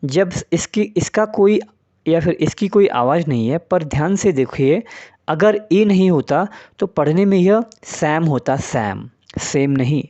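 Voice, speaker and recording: A man's voice: on the high side, lively intonation, a little slow, dark tone. A man teaching English pronunciation in Hindi, patiently spelling out letters and saying example words one by one. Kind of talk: spoken English lesson in Hindi.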